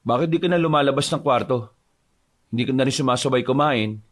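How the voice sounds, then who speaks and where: A man's voice: medium pitch, quick pace, close to an everyday voice. A man doing a curt, suspicious young husband. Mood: accusing. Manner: curt, snapping. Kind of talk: horror audio drama dialogue.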